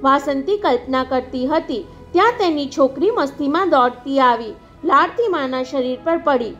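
A woman narrates a literary novel in a calm, measured reading voice. Her pitch sits high. The audio is a little dull and lo-fi, with faint music playing underneath.

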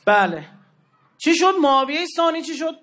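Speaking in a high register, a religious lecturer keeps his history talk informal and energetic. He voices the quoted exchanges in his anecdotes and mixes in street slang and side comments.

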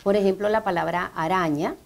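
A woman with a Honduran Spanish accent teaches grammar on a studio TV show. She explains each rule in a measured, patient way, like a language professor. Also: mid-range voice, fairly even intonation, creaky. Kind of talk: educational TV talk.

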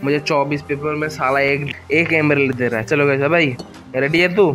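A young Indian man commentating his own gameplay in a casual, excitable way, shouting and pleading at game monsters. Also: fairly high pitch, normal speed. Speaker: gaming YouTuber. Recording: faint background music.

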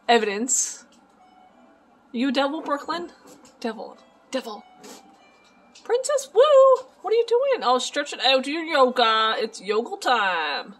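Woman, home pet vlog, cooing baby talk, fairly high voice, soft and then loud, faint music behind. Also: moderate pace, long pauses. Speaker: vlogger and pet owner. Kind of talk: casual home vlog talk to camera and pets. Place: home, indoors.

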